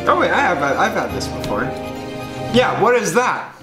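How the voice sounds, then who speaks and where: A man's voice: sits high, very animated, normal speed. A young man who vlogs, chatting casually to the camera indoors. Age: young adult. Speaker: vlogger. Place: indoor dining room, camera across table. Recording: echoey room, music behind.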